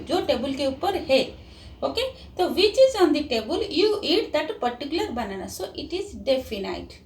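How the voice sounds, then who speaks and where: A woman with an Indian English accent gives children a grammar lesson at an unhurried pace, spelling words out letter by letter. Her high voice rises and falls a lot. The distant mic picks up an echoey room and a faint background hum.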